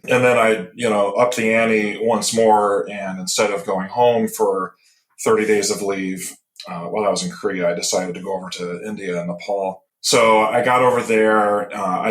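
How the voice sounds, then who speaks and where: A man in his fifties from Michigan talks as a podcast guest, with a fairly low voice. He tells his stories reflectively and pauses often to find the next words. The room around him sounds noticeably echoey. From Michigan, USA. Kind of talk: casual interview. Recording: roomy echo.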